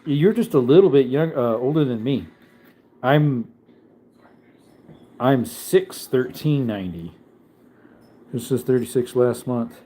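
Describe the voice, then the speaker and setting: Expressive and mellow, speaking slowly with frequent pauses, this thirty-something livestream host rambles from his man cave at home and reads out comments from viewers. When he calls his dog, his voice jumps into high baby-talk.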